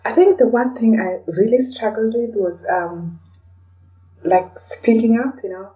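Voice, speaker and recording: Speaking at a measured pace in a slightly high voice, this chatty guest from Kenya peppers her talk with "you know." Her tone is dark and mellow, and she sits far from the mic in a dull, lo-fi casual interview recording.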